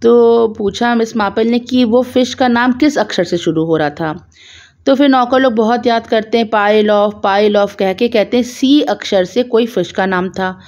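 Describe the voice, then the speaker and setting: A woman narrating a conversational summary of a detective story, explaining each twist in a relaxed, chatty way with small asides. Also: fairly high pitch, unhurried, muffled recording.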